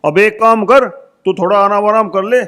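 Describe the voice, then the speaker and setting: A man playing a rough, scolding husband in a village comedy sketch. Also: high-pitched, normal speed, a bit bright. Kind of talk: rustic comedy acting.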